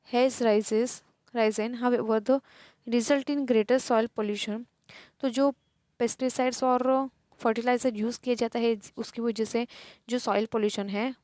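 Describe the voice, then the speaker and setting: An Indian woman teacher going through a textbook chapter, slowly reading English lines and explaining them in Hindi. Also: a little high, darkish tone, no echo, clean studio sound.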